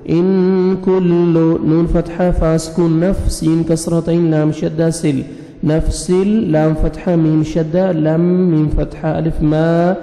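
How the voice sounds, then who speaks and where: A man teaching Quran reading. He spells out letters and vowel marks one by one, then recites each word slowly in a drawn-out chant. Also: a little high, flat delivery, creaky, mellow. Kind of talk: slow spelled-out recitation lesson. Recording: echoey room with long reverb.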